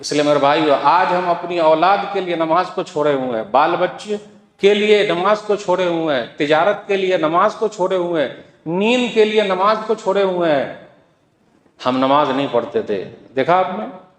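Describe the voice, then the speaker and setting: A man's voice: high-pitched, moderate pace. A man preaching a Friday sermon, exhorting the listeners with rhetorical questions and quoted scripture. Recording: echoey hall with long reverb.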